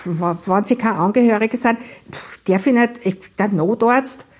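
A woman's voice: mid-range voice, big pitch swings, normal speed, darkish tone. Flustered male driver, stammering, Austrian dialect, read by a woman.

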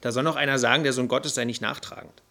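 A man's voice: medium pitch, steady tone, fast talker, creaky, sharp tone. A man voicing a brash, irritable male fallen angel who rants in a flippant, indignant way. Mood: ranting. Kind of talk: audiobook character voice.

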